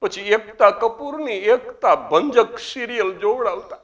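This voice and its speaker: A man's voice: high-pitched, expressive, a little slow, muffled recording, heavy background noise, pitched above the performer's own voice. A man voicing a young widowed woman who sobs and complains plaintively about her late husband. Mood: wailing complaint.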